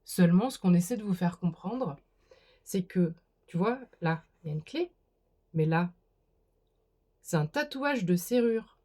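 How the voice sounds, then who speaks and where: A woman's voice: on the low side, expressive, measured pace, long pauses, warm tone. Woman doing a casual card reading. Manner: addresses viewer directly, many fillers and restarts. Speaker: card reader. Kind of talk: casual spoken tarot reading.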